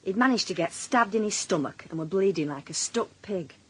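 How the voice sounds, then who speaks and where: As lead actress and narrator of a naturalistic radio drama, a woman plays a middle-aged, working-class Northern English wife and mother who is defensive and blunt. Her mid-range, slightly rough voice has lively intonation and a fairly quick pace. She sounds weary and wry, speaking in a colloquial, blunt way.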